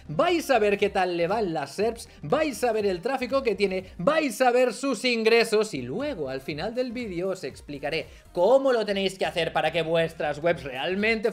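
Excitable man, swings loud and soft. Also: high-pitched. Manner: theatrical, swears freely, big swings between shouting and mumbling. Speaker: online marketing youtuber. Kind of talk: energetic explainer vlog.

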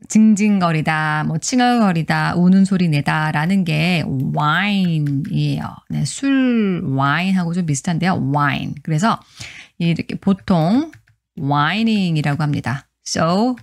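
A woman teaching an English pronunciation lesson, explaining in Korean and reading English lines slowly. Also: fairly low pitch.

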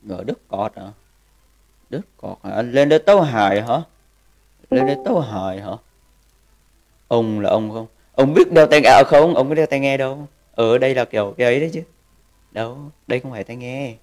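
A man's voice: medium pitch, lively intonation, normal speed, long pauses, a little mellow. Brief: a male streamer joking crudely with his viewers, chatty and casual, with faint music in the background. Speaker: game streamer. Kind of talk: casual live-stream chat.

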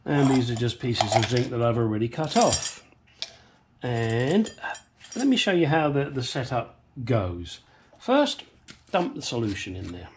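A man's voice: medium pitch, sing-song, measured pace. A middle-aged man with an English accent giving a casual hands-on demonstration, blunt, joking and sweary, in a small garage workshop. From England. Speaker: host of a garage how-to channel. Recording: clear ambient workshop noise.

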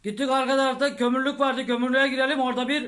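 Rambling vlogger man, very high and bright voice, swears oaths constantly. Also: fairly even intonation, rapid-fire. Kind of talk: casual storytelling to camera.

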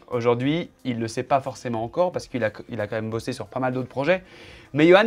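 A man in his home office chatting casually to camera, showing off his setup and teasing his cameraman in a playful, joking way. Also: mid-range voice.

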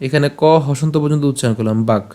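A Bengali man who teaches scripture recitation leads a pronunciation lesson with chanted verse, drilling slowly syllable by syllable and asking and answering his own questions. His voice is medium-pitched with a darkish tone.

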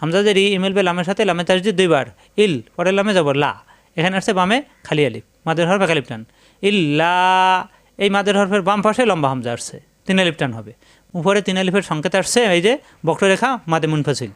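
High, clear-voiced man teaching recitation. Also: lively intonation. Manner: repetitive step-by-step explanation, breaks into drawn-out chanted recitation of words. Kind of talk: tajweed lesson, explaining and demonstrating recitation.

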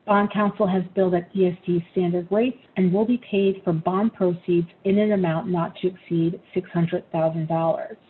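A woman presenting an agenda item over a teleconference line in a steady, businesslike way. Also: lowish voice, normal speed, hardly any pauses. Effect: heard over a teleconference line. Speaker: staff presenter. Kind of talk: formal scripted presentation. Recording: tinny phone-line sound, faint noise.

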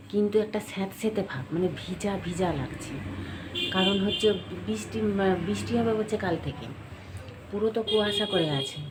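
A woman's voice: on the low side, noisy background. A middle-aged woman chatting to her viewers in a casual home vlog, confiding and talkative. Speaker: home vlogger. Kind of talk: casual daily-life vlog talking to viewers. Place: home kitchen indoors.

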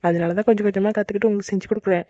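A sweet young wife in a cartoon, voiced by an actor, eagerly pleading with her husband in a rapid stream of talk. The sound is dry and dull. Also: mid-range voice, fairly even intonation, warm tone, no echo, lightly acted. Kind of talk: cartoon voice acting.

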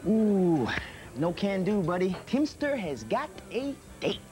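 A man's voice: sits high, sing-song, takes it slowly, music in the background, exaggerated voice. A smug teasing young guy. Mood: gloating. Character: cocky teasing young man gloating over a bet. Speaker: diner worker. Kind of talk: sitcom acting.

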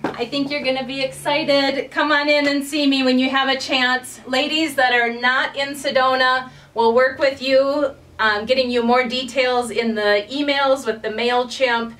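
A woman's voice: sits high, fairly even intonation, unhurried, fairly bright tone, far from the mic. A woman who owns a boutique, chatting upbeat and directly to viewers as she presents a sale inside her shop. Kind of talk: casual promotional talk.

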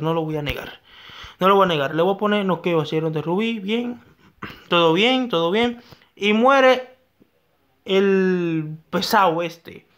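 Young man, high-pitched, excitable gameplay commentary, repeats himself. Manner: excitable, talks to himself and viewers, repeats phrases. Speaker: gaming YouTuber.

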